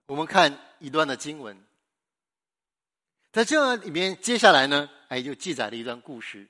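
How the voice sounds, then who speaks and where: Man, pastor, sermon, fairly high voice, emphatic, loud and then hushed, rhetorical questions. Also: big pitch swings, moderate pace. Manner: emphatic preaching with big swings between loud and hushed; repetitive rhetorical questions to the listeners.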